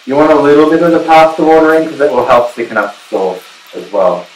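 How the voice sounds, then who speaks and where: Quick and steady with a fairly high pitch, a middle-aged cooking show host talks through tips as he cooks at home. Pots, pans, and cutlery clatter around him in an echoey kitchen.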